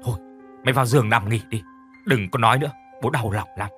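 A man voicing a middle-aged father, gruff and scolding, who is grieving his dead wife in a spoken horror story. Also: medium pitch, fast, a bit bright, faint music behind, lightly acted.

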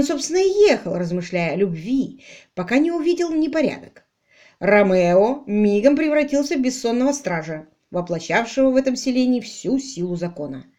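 A woman narrating an audiobook expressively, acting out the dialogue. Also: mid-range voice. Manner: animated, acts out dialogue. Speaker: audiobook reader.

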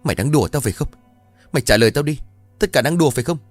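A heartbroken elderly father in a spoken ghost story, played by a male narrator. He speaks low and swings between anguish and quiet weariness. Faint music sits underneath. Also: expressive, moderate pace, no room sound. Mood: distraught. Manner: anguished, then weary and self-blaming. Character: grieving elderly village father, stubborn.

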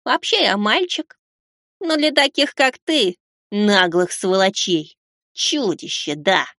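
A stubborn horned boy with a high, thin voice. He answers bluntly and curtly, refusing to back down, in a dry close recording. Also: takes it slowly, sharp tone, no echo, full character voice. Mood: cold. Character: horned grey-handed boy, stubborn and defiant. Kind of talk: storybook character voicing.

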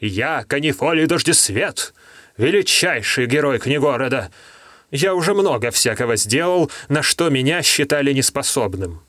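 A man's voice: medium pitch, lively intonation, moderate pace, a bit bright, no room sound, studio quality, pitched above the performer's own voice. A man voicing an old, dying book hunter who groans and grumbles stubbornly, read in an audiobook.

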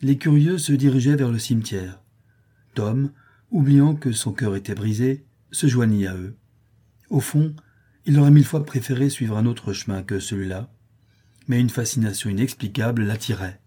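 A man narrates a classic novel for an audiobook in a steady, measured way. His voice sits in the mid range and is slightly rough.

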